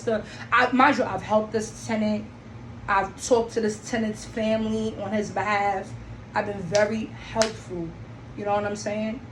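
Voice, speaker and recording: A young woman from Trinidad hosting a solo podcast, telling her story in a blunt, animated way and swearing freely. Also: a little high. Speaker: podcast host. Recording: echoey room, faint background noise.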